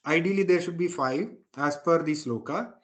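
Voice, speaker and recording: A man's voice: a little high, moderate pace. A man explaining scripture informally as a spiritual teacher, often checking in with a short questioning tag. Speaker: spiritual teacher leading a satsang.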